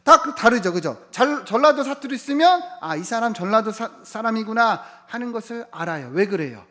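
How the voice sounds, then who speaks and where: Animated high-voiced preaching pastor. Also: male voice, moderate pace. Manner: lively preaching with frequent rhetorical questions to the congregation; drops to a hushed whisper for emphasis. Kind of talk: sermon.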